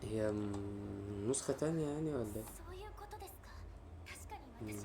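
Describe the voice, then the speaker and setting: A man's voice: on the low side, unhurried, crowd noise. A man with an Egyptian accent giving let's-play commentary on a horror game, full of jittery, nervous exclamations. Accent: Egyptian Arabic. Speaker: gaming YouTuber.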